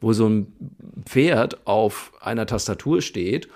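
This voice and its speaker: A man's voice: fairly low pitch, animated, slow pace, darkish tone. A man, co-hosting a podcast in casual, teasing chat and laughing often. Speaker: podcast co-host.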